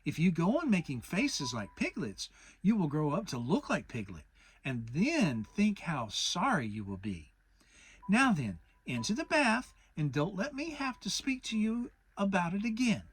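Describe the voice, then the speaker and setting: A woman's voice: lowish voice, very animated, measured pace, husky, pitched above the performer's own voice, exaggerated voice. A woman as Kanga, a firm motherly kangaroo. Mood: severe. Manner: thoughtful, soothing, mildly severe nannying. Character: motherly female kangaroo, brisk, soothing, firm. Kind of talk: children's storybook dramatic reading.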